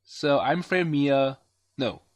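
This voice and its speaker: A man's voice: medium pitch, slow pace. A man casually commenting on a story game, hesitantly summarizing and paraphrasing the dialogue with many fillers. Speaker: let's play commentator. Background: game music.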